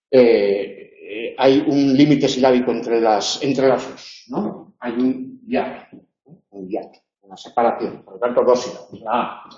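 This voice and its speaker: A man's voice: mid-range voice, dark tone. Man lecturing in a roomy classroom. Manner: explanatory, checks in with tag questions. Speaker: university lecturer. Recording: roomy, muffled lecture recording.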